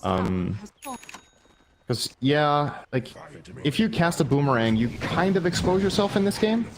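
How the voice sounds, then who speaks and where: A man's voice: on the high side, sing-song, measured pace. A man giving esports color commentary, explaining strategy with frequent ums and likes. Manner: explanatory, lots of fillers like um and like. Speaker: esports analyst.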